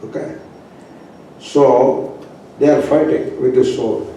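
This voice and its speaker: An Indian-accented man teaches a philosophy class in a mellow, relaxed voice. He speaks with emphatic repetition and pauses. The recording is very echoey, picked up from a distance in a room. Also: medium pitch. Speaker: spiritual teacher. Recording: echoey room, distant mic, faint noise.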